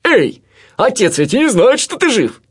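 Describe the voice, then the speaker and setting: A man voicing a cheerful young male rat, the narrator's brother, who talks in an eager, excited way. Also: medium pitch, measured pace, husky, voice pushed up.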